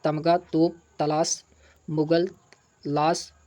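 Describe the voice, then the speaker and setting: A man's voice: fairly high pitch, flat delivery, extremely slow, dark tone. Man teaching exam questions step by step. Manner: reads each question, then repeats the answer and explains. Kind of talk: exam prep lesson, going through past questions.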